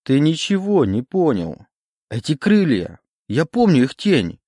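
A scared, confused young man in a storybook, his voice pitched up high with panic as he pleads and demands answers. He is played by a man narrating the book. The recording is close and dry. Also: sing-song, moderate pace, no echo. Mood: frantic.

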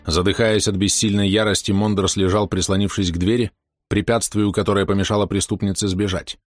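Man reading an audiobook, lowish voice, totally dry close recording. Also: flat delivery, a little fast, dry recording, faint music behind. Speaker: audiobook reader. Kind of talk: scripted narration.

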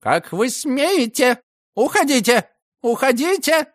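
A man voicing an indignant older woman who runs a boarding house, her lines shrill and wailing. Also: unhurried, fairly bright tone, dry recording, clean studio sound. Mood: outraged.

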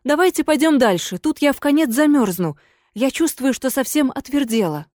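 A woman's voice: sits high, animated, moderate pace, a little mellow, no echo, studio quality, pitched above the performer's own voice. A woman voicing a fearful, pleading female water ghost in an audiobook, in a plaintive, imploring manner. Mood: desperate.

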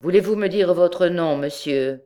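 A woman's voice: fairly low pitch, measured pace, warm tone, natural voice. A woman voicing a formal, wary male goldsmith who speaks precisely.

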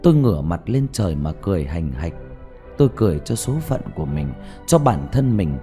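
A man with a low, mellow voice narrates a sad first-person story. His delivery is slow and mournful, and the pitch rises and falls widely. Soft music plays beneath him. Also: sing-song. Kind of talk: dramatic audiobook narration. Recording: soft music bed behind.

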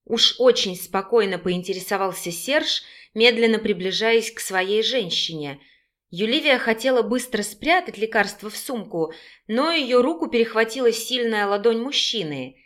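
A woman narrating an audiobook in a steady, measured storytelling manner. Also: on the high side.

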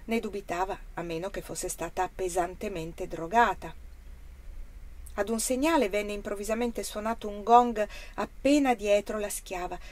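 An audiobook reader, a woman, reads a novel aloud in measured, expressive scripted narration at a medium pitch.

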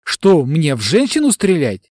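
A man's voice: fairly high pitch, wildly swooping pitch, measured pace, a little mellow, breathy edge, no room sound, studio quality, voice pushed up, full character voice. Man doing a flustered indignant client. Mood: defensive. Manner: whining and indignant. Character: flustered, indignant middle-aged male client.

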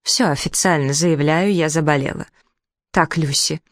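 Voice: normal speed, dry recording, clean studio sound, close to an everyday voice. A reader voicing an indignant, plump middle-aged widow who makes theatrical complaints. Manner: shrill outrage, theatrical complaints.

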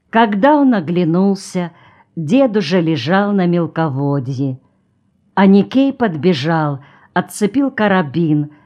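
A woman reading a story aloud as an audiobook narrator, steady and measured. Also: lowish voice. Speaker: audiobook reader. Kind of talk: scripted narration.

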